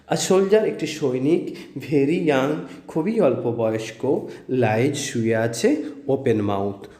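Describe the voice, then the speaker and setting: A man's voice: medium pitch, dark tone, roomy sound. A man teaching a poem line by line, reading each phrase and then explaining it with rhetorical questions. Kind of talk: line-by-line poetry lesson.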